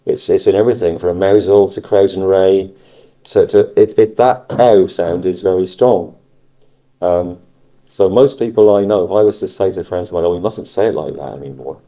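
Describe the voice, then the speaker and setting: A man from Cornwall with a Cornish West Country accent, chatting casually in a halting way and repeating phrases for emphasis. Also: low voice, steady tone, mellow. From Cornwall, England. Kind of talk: casual conversation about dialect. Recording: muffled cassette recording.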